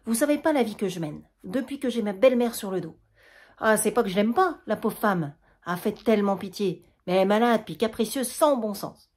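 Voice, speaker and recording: A woman's voice: medium pitch, lively intonation, a little fast, darkish tone, close to an everyday voice. A woman reading a play aloud, voicing a harried middle-aged housewife who cares for her mother-in-law, with a Quebec French accent and a complaining manner. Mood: weary.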